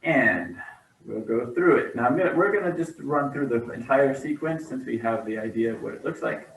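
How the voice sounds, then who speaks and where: A man teaching tai chi, giving serene, step-by-step movement cues in a calm, unhurried, gently encouraging manner. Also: medium pitch, vocal fry, slight background noise. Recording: roomy echo, distant mic.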